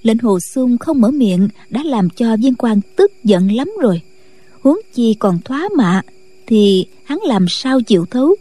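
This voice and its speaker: A woman narrating a martial-arts novel in a steady, scripted late-night storytelling style. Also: a little high, unhurried. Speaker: audiobook narrator.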